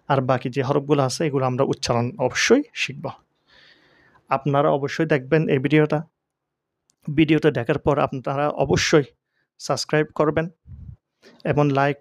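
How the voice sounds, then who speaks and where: A man with a Bangladeshi Bengali accent teaching Arabic letter pronunciation in an online lesson, slowly repeating and drilling each sound. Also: fairly high pitch, no echo, studio quality. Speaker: Quran teacher.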